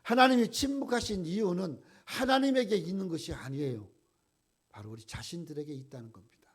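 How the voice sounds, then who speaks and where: Male pastor preaching with a raised, husky voice; voices people's complaints, drops to near-whispers. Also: a little high. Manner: preaching with sharp swings from loud to hushed. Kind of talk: sermon. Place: church sanctuary.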